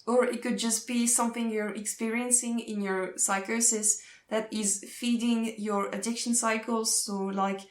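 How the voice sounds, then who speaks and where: A fairly high, level-pitched woman's voice echoes slightly in the room as she earnestly explains a topic. She is a young adult social work student from Switzerland, French her first language, speaking English with a Swiss French accent in an informational vlog and pausing to find her words.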